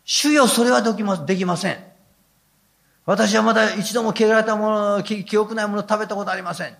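A man's voice: high voice, fairly even intonation, fairly quick, creaky, a bit bright, exaggerated voice. A man voicing a hungry apostle who prays and pleads in a chatty way. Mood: protesting.

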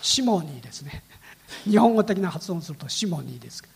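A man preaching a sermon as a pastor, telling the story with lively asides and tagging his sentences with frequent questions to the listeners. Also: a little high, moderate pace, gravelly, breathy edge, in a large hall.

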